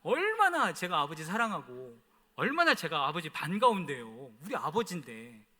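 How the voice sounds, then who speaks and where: A man's voice: on the high side, wildly swooping pitch, normal speed, pushed and bright. A man from South Chungcheong in Korea, preaching a storytelling sermon and asking the congregation questions. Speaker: pastor. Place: church sanctuary. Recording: echoey church hall.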